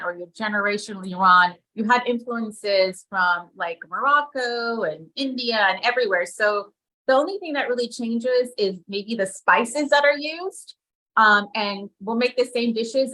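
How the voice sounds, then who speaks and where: On a rough recording, a mid-range, bright, forceful female voice comes from an interview guest, a community leader and activist. She was born in Israel, moved to America as a child, and talks informally and casually, frequently thinking out loud.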